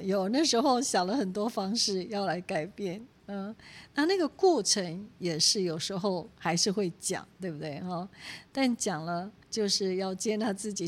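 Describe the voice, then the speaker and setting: A woman in her forties with a Taiwanese Mandarin accent, a pastor's wife giving a teaching talk full of personal stories, acting out quotes and laughing often. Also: mid-range voice. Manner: animated storytelling, acts out quoted speech, laughs often.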